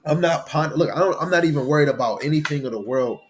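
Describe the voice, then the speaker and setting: A man teaching a sermon-style Bible lesson in a conversational way, often checking in with "right?" and reading scripture slowly. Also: on the high side, soft background music.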